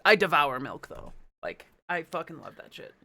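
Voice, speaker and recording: Bright, sharp-voiced man reading aloud. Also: fairly high pitch, very animated, moderate pace. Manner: sweary, playful. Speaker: amateur book reader. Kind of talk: casual chat and storybook narration.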